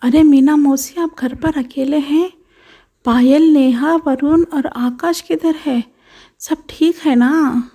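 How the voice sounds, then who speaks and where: A brave, helpful young village woman from a doll storybook, played by a woman narrator. She calls out loudly in a high, mellow voice and is full of exclamations. She comes across as bold and caring. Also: steady tone, slow. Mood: concerned. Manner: loud, exclaiming.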